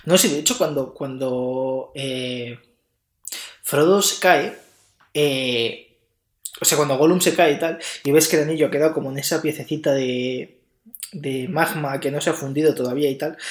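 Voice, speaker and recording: Podcast co-host, mid pitch, animated chat, echoey room. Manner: animated, quick acted-out quotes. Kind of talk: casual chat. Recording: roomy echo.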